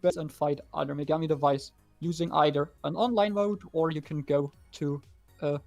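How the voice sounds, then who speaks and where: A man's voice: fairly high pitch, steady tone, normal speed, vocal fry, darkish tone, soft background music. A man chatting casually over an online voice call, explaining details at length while his audio breaks up and cuts out. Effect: online call audio cutting out in bursts. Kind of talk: casual chat while building model kits.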